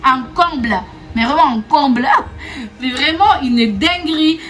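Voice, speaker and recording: A woman's voice: high voice, measured pace, a bit bright. A young woman who grew up in Réunion, chatting casually to her viewers in a storytime vlog. She repeats herself, laughs often and keeps calling her audience "mes go". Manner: chatty and repetitive, often laughing, calls viewers 'mes go'. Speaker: vlogger. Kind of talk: casual storytime chat to camera.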